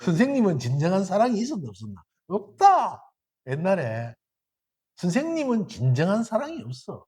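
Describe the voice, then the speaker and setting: A man with a Gyeongsang accent giving a Buddhist sermon in a dharma hall, lively and quizzing his listeners with rhetorical questions. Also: high-pitched, moderate pace, husky. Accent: Gyeongsang Korean.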